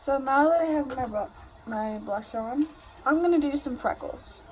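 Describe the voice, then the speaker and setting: A woman's voice: high voice, moderate pace, darkish tone. A young woman giving a casual makeup tutorial, rambling in a loose, slangy, drunk way. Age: young adult. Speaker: makeup vlogger. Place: living room at home, indoors. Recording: noisy home room recording.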